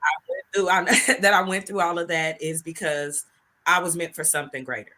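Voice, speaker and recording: A middle-aged woman with a fairly low, bright, pushed voice speaks at a moderate pace with fairly even intonation. She is the host and creator of a show, leading a heartfelt conversation in an earnest, reflective way, laughing and sometimes tearing up.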